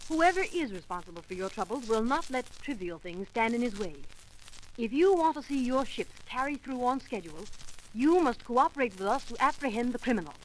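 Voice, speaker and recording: Woman playing a cool, high-voiced old-radio investigator. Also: expressive, brisk, close to an everyday voice, low-quality recording. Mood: firm. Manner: formal, precise, unflappable. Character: cool, firm female government investigator. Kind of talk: 1930s American radio drama acting. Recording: old 1930s radio recording, faint noise.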